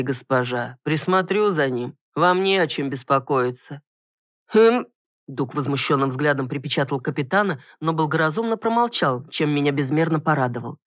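A woman narrating a fantasy audiobook in steady first-person reading. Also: deep voice, no room sound, studio quality.

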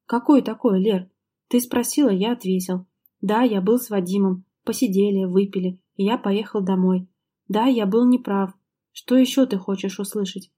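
A woman's voice: medium pitch, normal speed, dark tone, slightly rough, lightly acted. A woman reading the lines of an irritated, defensive husband who answers in curt, clipped phrases in a dramatic audiobook.

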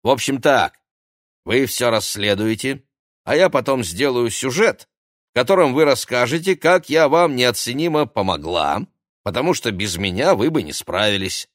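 In an audiobook, a man voices a brash, scheming female TV reporter who is pushy, domineering, and mocking, pitching his medium, fairly bright voice above his natural one while staying close to everyday speech. He is expressive at a moderate pace, with clean studio sound and no room echo.

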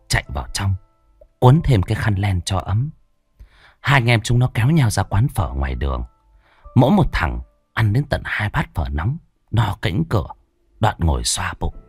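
A man narrating a ghost story in a grave, expressive way. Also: lowish voice, husky, no room sound.

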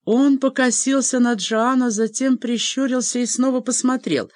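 A woman narrating an audiobook in an expressive storytelling manner. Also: a little high, normal speed, no room sound. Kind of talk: scripted narration.

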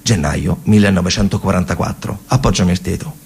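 In a radio theatre monologue, a storyteller actor with a central Italian accent from Lazio tells a dramatic tale, colloquial and emphatic, repeating phrases for effect. His low voice is brisk and gravelly, with a darkish tone and a breathy edge.

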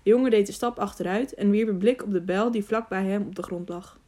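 Calm woman audiobook narrator. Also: medium pitch. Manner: calm, measured. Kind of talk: scripted narration.

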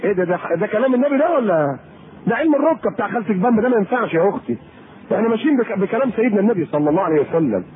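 Egyptian male preacher, playful and animated, on a thin phone-like lecture recording. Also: high voice, very fast. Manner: lively, teasing, acts out quoted people. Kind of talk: colloquial sermon to women. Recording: tinny phone-like lecture tape with faint hiss.

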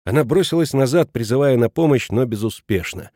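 A man reads a novel aloud in an even, measured voice. The sound is close and completely dry. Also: mid-range voice, dry recording. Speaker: audiobook narrator. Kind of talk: scripted literary narration.

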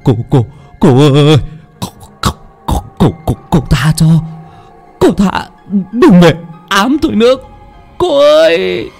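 A man's voice: deep voice, lively intonation, moderate pace, pauses often, dark tone, slightly rough, soft background music. A man playing a cowardly young village man who stammers in terror. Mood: terrified. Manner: stammering, begging.

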